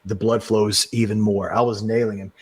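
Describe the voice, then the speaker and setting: A man's voice: lowish voice, little pitch movement, normal speed, darkish tone, breathy edge. A man in his thirties, a guest on a podcast, telling a story in an earnest, emotional way and swearing freely. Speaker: professional wrestler, guest.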